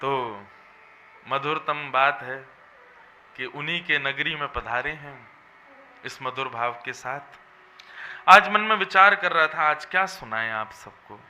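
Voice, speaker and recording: A man's voice: medium pitch, takes it slowly, pauses often, sharp tone, a little hiss or hum. A man giving a devotional sermon as a religious storyteller, preaching in an emphatic, melodic way. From Vrindavan region.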